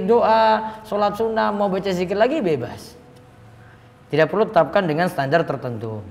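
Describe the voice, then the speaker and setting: A man giving a religious lecture, reading out listeners' questions and answering them plainly. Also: high-pitched. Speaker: Islamic teacher. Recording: echoey hall reverb.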